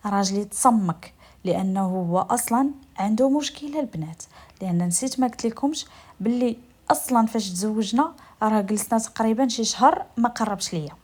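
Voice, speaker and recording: Briskly and on the high side, with a slightly mellow tone, a Moroccan-accented woman recounts her own story. She speaks straight to her listeners in a confiding way.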